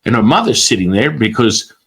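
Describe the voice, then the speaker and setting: Guy guesting on a chat, mid-pitched voice, animated storyteller, acts out quotes and swears a bunch. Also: brisk, vocal fry, husky. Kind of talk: casual storytelling.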